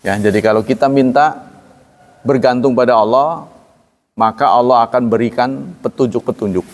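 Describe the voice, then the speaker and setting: A man teaches a hadith study class in a folksy way, with a mid-pitched voice. He drops into acted quotes as he tells stories. His voice rings with long reverb, as in a hall or mosque. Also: moderate pace, darkish tone. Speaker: Islamic teacher.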